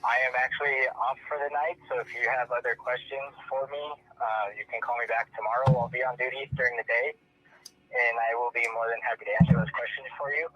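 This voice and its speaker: A man, a sheriff's deputy, leaving a polite, measured voicemail message heard over a phone line, with a few fillers. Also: medium pitch, steady tone, bright, forceful tone. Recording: muffled voicemail phone audio with faint hiss.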